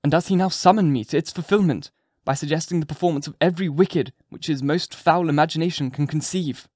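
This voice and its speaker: A man's voice: fairly high pitch, brisk, darkish tone, no room sound, voice pushed up, close to an everyday voice. A tormented clergyman, grave and formal, his voice raised a little above the narrator's own, as a male reader plays him. The sound is dry and close. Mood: anguished. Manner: anguished, solemn, formal.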